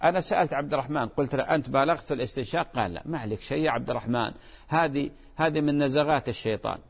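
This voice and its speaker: A man's voice: medium pitch, very fast, gravelly, slightly rough, in a large hall. A man, a religious scholar patiently answering callers' questions on a call-in show. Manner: patient, reassuring, explanatory.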